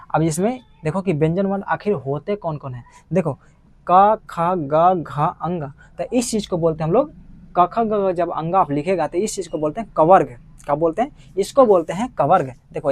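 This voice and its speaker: A man's voice: high-pitched, no echo. A male teacher giving a grammar lesson, asking questions and answering them himself over and over. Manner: repetitive call-and-response questioning.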